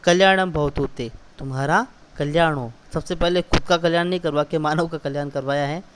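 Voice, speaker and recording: A man's voice: on the high side, steady tone, fairly quick, noisy background. A man teaching a school class, patiently explaining word by word and repeating questions for the students. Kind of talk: classroom lesson explaining a text.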